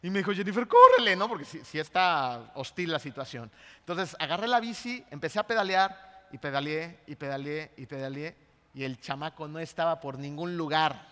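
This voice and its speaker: A man with a Mexican accent preaching a sermon in a large church hall. He tells a personal story in a lively way and keeps checking in with the congregation. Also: a little high, moderate pace. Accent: Mexican Spanish. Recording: long hall reverb.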